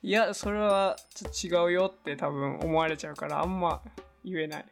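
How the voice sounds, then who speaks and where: A man co-hosting a podcast in casual chat, easygoing and quick to laugh, often answering in short replies. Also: on the high side, vocal fry, faint music behind. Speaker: podcast co-host.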